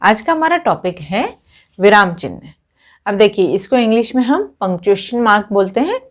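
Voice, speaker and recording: A woman's voice: mid-range voice, sing-song, normal speed. A woman teacher giving a grammar lesson, explaining each point step by step with a recurring stock opener.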